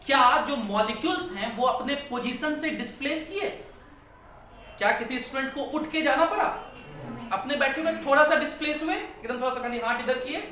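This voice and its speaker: This male physics teacher has a very high, sharp-toned voice as he lectures, asking the class questions and going over key terms again. He's captured from a distance in a big, echoing classroom with a little background noise.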